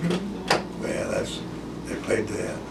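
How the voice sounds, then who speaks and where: An elderly man telling a rambling grandpa story in casual, folksy, halting talk. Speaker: war veteran recalling his school days. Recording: echoey room, distant mic, loud hiss.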